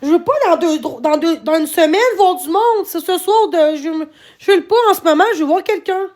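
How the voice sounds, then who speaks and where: High-voiced Québécois woman ranting on stream. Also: normal speed. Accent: Québécois French. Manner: swears constantly, rants and repeats herself; bursts into shouting. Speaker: livestreamer answering her chat. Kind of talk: live-stream rant.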